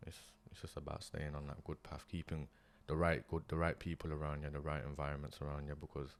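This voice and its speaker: A man's voice: very deep voice, monotone, fast talker. A young man, a guest talking casually and earnestly in slangy speech with many restarts. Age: young adult. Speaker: guest, property investor. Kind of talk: casual interview chat.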